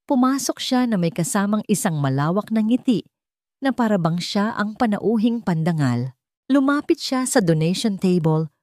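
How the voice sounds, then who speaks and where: A woman with a Filipino accent narrates a scripted dramatic story in a fairly low, slightly mellow voice. The recording is studio quality with no echo.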